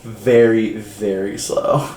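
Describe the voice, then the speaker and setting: A man's voice: lowish voice, steady tone, slow pace, darkish tone. A man running a tabletop game as game master, narrating casually with fillers. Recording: roomy echo, faint background noise.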